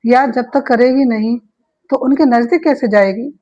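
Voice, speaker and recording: A woman's voice: on the high side, normal speed, mellow, muffled recording, close to an everyday voice. A woman voicing a bold, teasing young woman who coaxes her friend in a read-aloud story. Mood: coaxing. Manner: teasing, coaxing.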